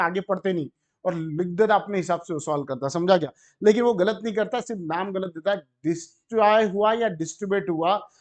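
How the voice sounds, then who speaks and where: Animated high-voiced Indian tutor. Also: male voice. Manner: animated, asks the class questions and acts out shopkeepers. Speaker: commerce tutor. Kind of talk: classroom lecture.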